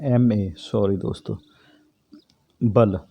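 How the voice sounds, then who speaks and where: Dark-voiced man teaching exam physics. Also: on the low side, fairly even intonation, extremely slow, gravelly. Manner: repetitive, asks and answers own questions. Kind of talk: exam-prep physics lesson.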